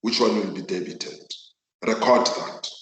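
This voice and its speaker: This man is an accounting teacher from South Africa, a native Northern Sotho speaker, leading an online lesson. He talks in a fairly low voice, stressing his points deliberately and repeating phrases for emphasis, all in a room with noticeable echo.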